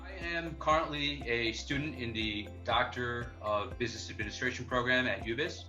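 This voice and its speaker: A man's voice: mid-range voice, normal speed, over music, poor audio. A man, a doctoral student, giving motivational advice. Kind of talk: testimonial.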